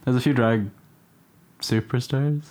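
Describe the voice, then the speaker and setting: A man's voice: medium pitch, fairly even intonation, unhurried, darkish tone. Man hosting a casual chat. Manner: supportive, informal interjections. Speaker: podcast host.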